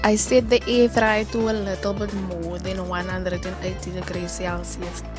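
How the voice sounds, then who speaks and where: A woman's voice: on the low side, flat delivery, normal speed. A woman with a South African accent narrating a step-by-step cooking tutorial as a vlogger, giving politely worded instructions. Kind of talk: scripted how-to tutorial narration. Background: faint music.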